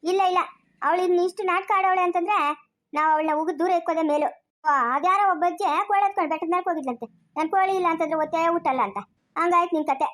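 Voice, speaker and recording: A woman with a rural Chikkaballapur Kannada accent performs a comic village family skit. Her voice sits very high and she talks quickly. She argues and scolds in rapid back-and-forth. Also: a bit bright.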